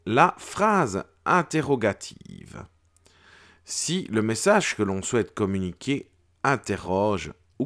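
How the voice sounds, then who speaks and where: A man teaching a French grammar lesson to children, explaining slowly and clearly and acting out the intonation of his example sentences. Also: sits low.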